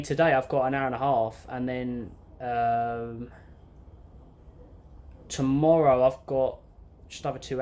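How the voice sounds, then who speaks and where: Sitting inside an empty parked bus, a young bus-driver vlogger chats unscripted to a phone or camera held at arm's length. His mid-range, slightly mellow voice rambles in an informal, matter-of-fact way, with the bus's ambient noise clearly audible.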